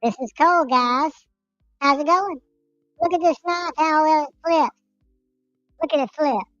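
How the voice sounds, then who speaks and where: A man using a pitched-up voice changer to play an eager knife enthusiast showing off a knife. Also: unhurried, a bit bright, lo-fi sound, faint music behind. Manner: eager, showy, repeating himself. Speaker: knife channel livestream host. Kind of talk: livestream impression.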